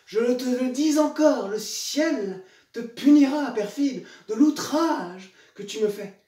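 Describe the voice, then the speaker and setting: A man's voice: extremely high pitch, lively intonation, slow, mellow, exaggerated voice. A man playing a proud, betrayed noblewoman in classical theatre, declaiming with hammy, vengeful indignation. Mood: indignant, vengeful. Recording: echoey room, far from mic.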